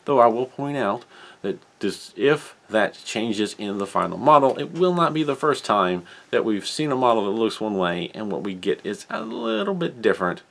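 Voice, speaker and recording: A man with a fairly low, gravelly, slightly bright voice speaks at a moderate pace and sounds very animated while he has the hiccups. He hosts a hobby channel and gives a casual solo news update, rambling and correcting himself as he reads out model details.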